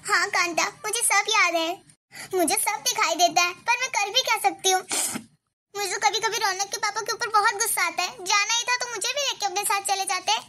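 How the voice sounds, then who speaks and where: Woman doing a sad sweet cartoon granny, high bright voice, soft and pleading. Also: fairly even intonation, moderate pace. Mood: sorrowful. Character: gentle widowed grandmother, sad and patient. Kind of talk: cartoon voice acting.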